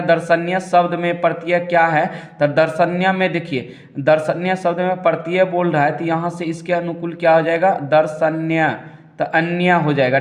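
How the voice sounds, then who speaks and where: A young man working through an exam question paper as a teacher, explaining each answer steadily and repeating the same filler phrases. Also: a little high.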